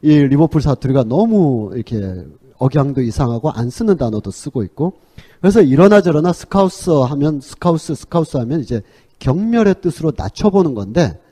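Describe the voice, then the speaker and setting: Mellow-voiced man giving a chatty lecture. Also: a little high, very animated, a little fast. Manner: conversational storytelling with frequent fillers. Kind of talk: public lecture on sports and culture.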